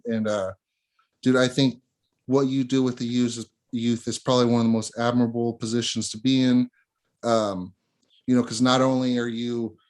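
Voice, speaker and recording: A man's voice: medium pitch, darkish tone. A man hosting a casual interview, talking in a laid-back way with lots of slang fillers. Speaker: interview host.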